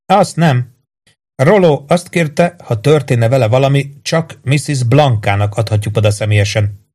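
A man's voice: mid-range voice, a little mellow, voice pushed up, lightly acted. A man reading an audiobook, voicing a nervous but determined woman who speaks urgently. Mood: tense.

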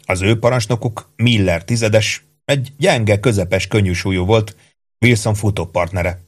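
A man reading a novel aloud in steady, even narration. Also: lowish voice. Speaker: audiobook narrator. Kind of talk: scripted narration.

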